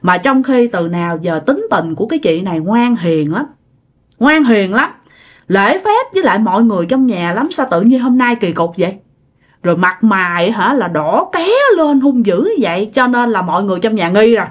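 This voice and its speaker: A woman's voice: mid-range voice, lively intonation, moderate pace. A woman telling a ghost story in a chatty way, often addressing her listeners directly. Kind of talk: spoken ghost story narration.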